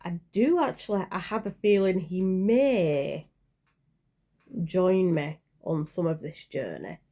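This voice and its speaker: Slow, mellow-voiced woman in her forties. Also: fairly low pitch, expressive. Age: 40s. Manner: rambling, hesitant, with many fillers and self-corrections. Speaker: channel creator. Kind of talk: casual vlog chat.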